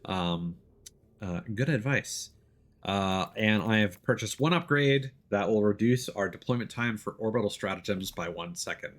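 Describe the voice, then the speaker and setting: A man with a fairly low voice streams a video game at a moderate pace. His let's-play commentary is casual, rambling and informal as he explains how the game works.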